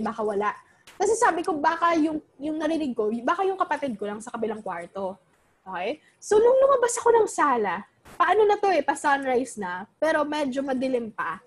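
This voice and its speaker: Young woman, high voice, animated, chatty storytelling. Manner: animated, Taglish code-switching, many fillers. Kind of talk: casual storytelling.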